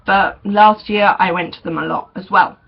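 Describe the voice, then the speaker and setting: A young adult man gives a casual vlog update in a high-pitched, gravelly voice with a breathy edge, speaking at normal speed with fairly even intonation. He's hesitant, with many ums and small laughs, on a dull lo-fi recording with faint noise.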